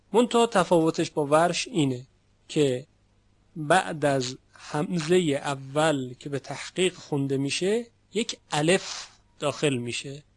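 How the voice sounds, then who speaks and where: A man with a fairly high voice lecturing on Quran recitation. He explains each point patiently and stretches out sample words when he demonstrates them. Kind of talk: classroom lecture.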